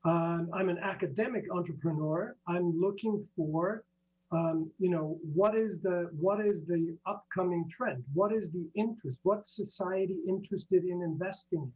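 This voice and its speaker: Higher-voiced Icelandic-born man on a dull line. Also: a little mellow, breathy edge. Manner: halting, repeats words, many fillers. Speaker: guest, business professor. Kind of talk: interview answers.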